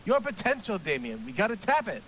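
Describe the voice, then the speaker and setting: A man's voice: sits high, wildly swooping pitch, a little fast, fairly bright tone, a little hiss or hum, voice pushed up, exaggerated voice, low-quality recording. A man voicing a gung-ho, cheerfully oblivious male monster gym coach for a game stream. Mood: eager.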